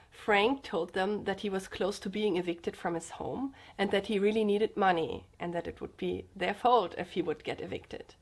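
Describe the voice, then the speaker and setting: A young woman vlogger speaking earnestly and emotionally to her viewers, sharing a personal story and addressing them directly. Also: medium pitch. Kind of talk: personal confessional vlog.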